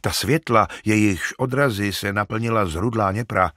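Man, audiobook narration, low husky voice, very animated delivery, dry close recording. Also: no echo. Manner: dramatic, expressive storytelling.

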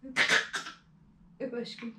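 A woman's voice: extremely slow, a little hiss or hum. A woman vlogging casually at home, often cooing at her dog in baby talk. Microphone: camera mic.

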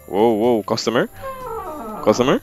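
A man's voice: medium pitch, lively intonation, normal speed, music in the background. A young man giving slangy, reactive commentary while playing a horror game, calling everyone bro. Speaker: gamer. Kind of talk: live gameplay commentary.

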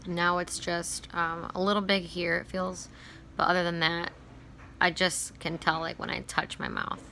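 A woman in her twenties giving a casual, halting personal update to her phone at arm's length in a room at home. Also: on the low side, fairly even intonation, vocal fry, bright, forceful tone, slight background noise. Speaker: vlogger. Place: small room at home, seated indoors.

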